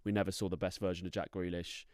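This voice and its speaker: Smooth-voiced man talking football. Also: deep voice, dry recording, studio quality. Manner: relaxed, opinionated, quick agreeing fillers. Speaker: podcast co-host. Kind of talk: casual football chat. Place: podcast studio.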